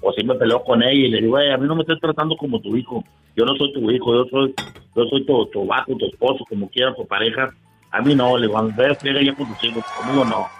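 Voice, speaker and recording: A man calling in to a radio show, halting and repeating himself as he talks. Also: medium pitch, breathy edge, soft background music. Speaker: caller. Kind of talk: phone call to a radio show. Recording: dull lo-fi phone line.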